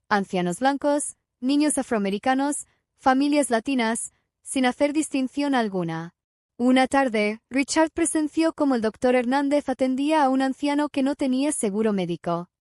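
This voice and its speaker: High-voiced woman narrating a story. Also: darkish tone, no room sound, studio quality.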